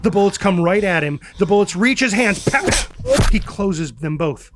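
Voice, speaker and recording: A man reads dramatic, punchy scripted narration and stage directions for a superhero action story, in present tense and full of sound-effect words. His high voice is expressive at a normal speed, with music behind him and a very noisy recording.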